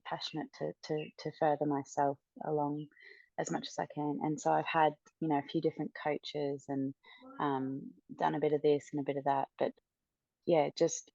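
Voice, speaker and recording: A woman speaks as a podcast guest in a low, flat, gravelly voice, stopping and restarting with many fillers. The sound is dry and slightly dull, with no room echo. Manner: hesitant, halting, many fillers, soft. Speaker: coaching client and podcast guest. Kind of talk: podcast interview testimonial.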